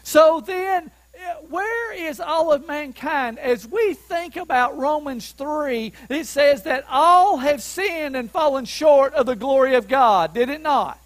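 A man preaching a sermon as pastor, who asks the listeners questions and rises to emphatic shouts on key points. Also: very high-pitched, lively intonation, slow, no room sound, rough recording. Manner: asks the congregation questions to keep them following.

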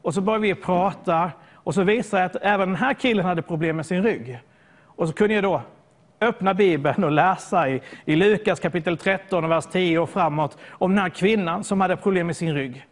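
A man from southern Sweden preaching a sermon, telling stories and often repeating words as he searches for them. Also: high-pitched.

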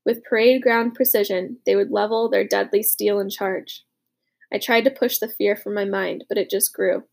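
A woman narrating a war story as a young soldier, with dramatic, hushed, urgent delivery in the dialogue. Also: mid-range voice, fairly even intonation, moderate pace, creaky. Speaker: narrator voicing a boy soldier. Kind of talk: audiobook narration.

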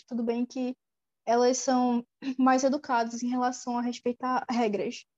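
A woman's voice: a little high, a little mellow, dry recording. A young woman student athlete chatting earnestly and reflectively. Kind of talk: casual chat. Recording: slightly dull sound.

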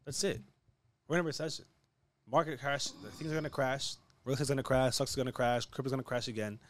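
A man's voice: mid-range voice, steady tone, fast talker, a little hiss or hum. A man talking casually as a podcast guest in a cocky finance-bro hustler manner, blunt and slangy, swearing often and repeating himself for punch. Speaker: podcast guest, online business entrepreneur.

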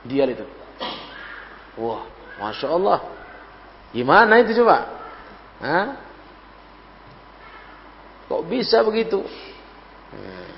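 Animated man preaching in a reverberant hall. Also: slight background noise. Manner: animated, rhetorical questions to listeners; acts out quoted speakers with sudden pitch jumps. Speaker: religious teacher. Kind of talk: sermon. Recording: dull lo-fi recording in a reverberant hall.

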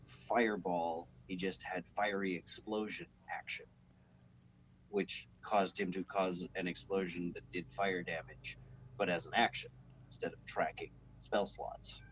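Relaxed man hosting a lo-fi podcast. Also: deep voice, measured pace, slight background noise. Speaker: podcast host. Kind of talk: casual podcast chat about tabletop games.

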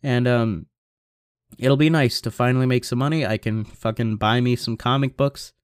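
A man's voice: medium pitch, fairly even intonation, normal speed, dry recording, clean studio sound. Nasal young American man, podcasting casually. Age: young adult. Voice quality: nasal, congested from allergies. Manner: rambling, slangy, laid-back. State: stuffed-up nose. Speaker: podcast host. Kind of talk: casual solo podcast chat.

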